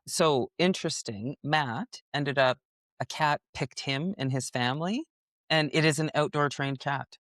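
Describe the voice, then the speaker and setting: A woman hosting a podcast in a casual, upbeat, rambling way, with plenty of fillers and restarts. Her voice sits low and the sound is close and dry, with no room around it. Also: unhurried, fairly bright tone, no echo. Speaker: podcast host.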